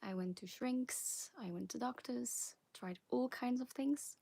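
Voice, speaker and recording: A young woman from Belgium with a Flemish accent, hosting a live question-and-answer stream, talking softly and often whispering, a little nervous. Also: a little high, measured pace, creaky, breathy edge, no echo. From Belgium (Flanders). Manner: soft, partly whispered chat, nervous and giggly. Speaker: ASMR creator. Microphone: phone on a wobbly stand.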